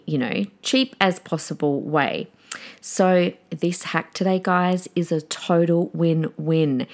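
Chatty podcast host woman, lowish voice. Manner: chatty and emphatic, addresses listeners as guys. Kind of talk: casual solo podcast chat.

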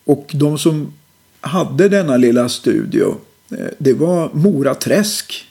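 A middle-aged man, a musician, calmly telling stories about his old band in a casual interview, with lots of hesitations. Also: fairly high pitch, creaky. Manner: relaxed, reflective storytelling with many fillers. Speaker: musician guest.

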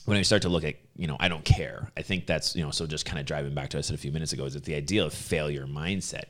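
Male podcast host with a rumbling, very low voice, natural unscripted delivery, conversational and rambling while explaining. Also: very fast, a bit bright. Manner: conversational, rambling, acts out example remarks.

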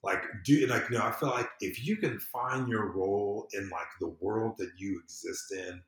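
In an echoey room, a man with a lowish voice speaks at a moderate pace as a podcast guest and civic empowerment consultant. In this casual conversational interview he is earnest and emphatic, thinking aloud and repeating phrases.

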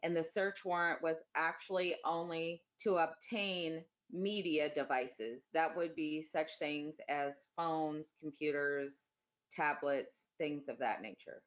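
A woman being interviewed, giving an unscripted account in a plain, deliberate, factual way. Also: sits low, fairly even intonation, muffled recording.

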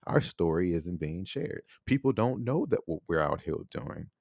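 A low-pitched American man speaking alone into his podcast mic. He muses aloud in a loose, reflective way, tossing in "right?" to keep listeners with him. The sound is dry and close, with almost no room around it. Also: expressive, moderate pace, a little mellow, no echo. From United States. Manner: reflective, conversational, frequent rhetorical "right?". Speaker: podcast host. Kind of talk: solo podcast monologue.

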